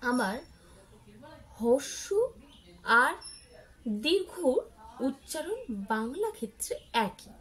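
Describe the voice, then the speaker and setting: A woman's voice: high-pitched, very animated, a bit bright, poor audio. A woman teaching children a grammar lesson, explaining step by step, asking her pupils questions and drawing out example words. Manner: drawn-out word examples.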